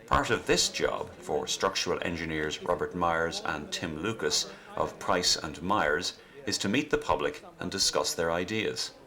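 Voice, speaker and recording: A man's voice: low voice, expressive, measured pace, crowd noise. A man reading scripted documentary narration. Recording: clear background noise.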